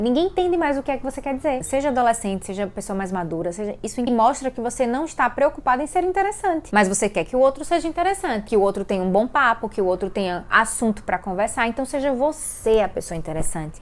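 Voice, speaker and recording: A woman with a Brazilian accent giving casual, chatty etiquette advice straight to camera, animated and full of rhetorical questions. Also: a little high. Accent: Brazilian Portuguese. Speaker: lifestyle video host.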